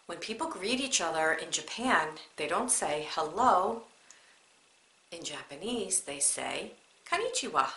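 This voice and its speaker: A young woman leads a children's story time with a bright, clear voice, pitching her words in a lively sing-song. She speaks slowly and encouragingly, as if to small children. The room around her has a noticeable echo. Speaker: children's librarian. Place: library room. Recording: echoey room.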